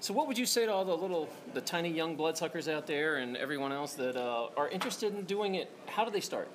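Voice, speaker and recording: A man's voice: a little high, animated, fast, background noise. A man hosting a casual live-stream interview at an event, chatty and jokey in an informal way.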